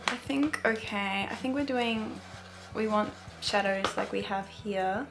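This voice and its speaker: Woman w creaky voice kinda mumbling thru her edit steps, hesitant n repeating words, slow, music behind. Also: mid-range voice. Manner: hesitant, thinking aloud, often repeating words. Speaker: photo editing tutorial host. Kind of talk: casual think-aloud screen tutorial.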